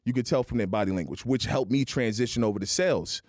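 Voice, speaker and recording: A man's voice: medium pitch, fast, darkish tone, no room sound, clean studio sound. A man on a podcast telling his career story in a motivational way, often checking in with "right?". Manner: motivational, keeps adding "right?". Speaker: podcast guest.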